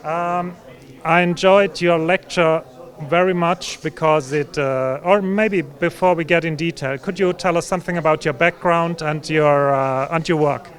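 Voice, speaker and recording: A man's voice: on the high side, steady tone, a little slow. A man interviewing a conference guest, asking polite questions with slight hesitations.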